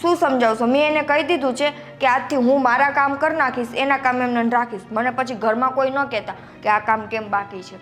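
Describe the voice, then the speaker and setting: A woman's voice: sits high, steady tone, fairly quick, hardly any pauses, a bit bright, soft background music. A young woman playing a fed-up, overworked younger daughter-in-law who complains sharply. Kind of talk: family drama acting.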